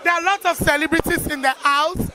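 A Nigerian woman presenting live from a busy event, excited and gushing with praise as she interviews guests. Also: very high-pitched, fairly quick, over music. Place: busy salon during a launch event.

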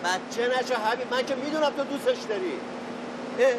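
Soothing middle-aged doctor; raised pitch, very noisy recording. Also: male voice. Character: calm middle-aged male doctor, go-between. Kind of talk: TV drama acting.

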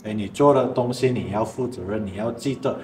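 A man, a spiritual master co-host, calmly explaining and reacting in casual chat. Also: fairly low pitch, fairly quick, roomy sound, faint music behind. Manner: calm, reacts with short interjections then explains.

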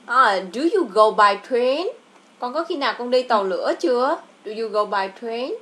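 Expressive and a bit bright, this slightly high voice belongs to a woman with a Vietnamese accent tutoring a child in English by video call. She speaks at a normal pace, gently coaxing and repeating words so the child can follow.

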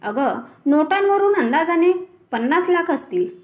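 A worried, honest office clerk who talks in hushed, torn tones, as a woman storyteller puts him on. The voice sits high and bright. It is read as part of a storybook tale. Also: sing-song, moderate pace, lo-fi sound. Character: struggling honest middle-class male clerk, anxious.

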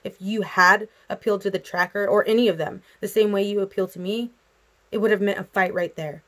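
A woman voicing a brooding, protective young male vampire in a storybook reading, speaking low and grave. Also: steady tone, a little fast, a bit bright, close to an everyday voice.

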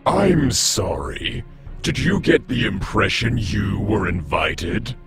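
Demon, male: very low, gravelly, slow and mocking, audio drama. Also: sing-song, loud music behind the voice, heavily acted. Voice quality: deep gravelly voice. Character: hateful, amused male demon, huge and winged.

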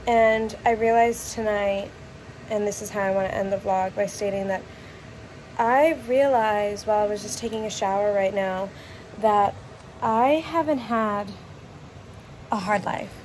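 A woman in her thirties gives a casual, reflective vlog monologue at an average pitch. She is recorded on a phone at arm's length in a bedroom, with slight noise in the background. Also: a little slow, a little mellow, poor audio. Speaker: vlogger. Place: bedroom at home.

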